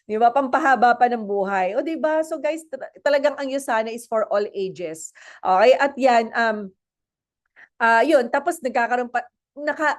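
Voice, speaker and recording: Filipino woman speaker, higher register, chatty and motivational, keeps checking in with her audience. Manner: chatty, mixes English and Tagalog, asks the audience. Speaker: network marketing speaker. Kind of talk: motivational talk to an online audience.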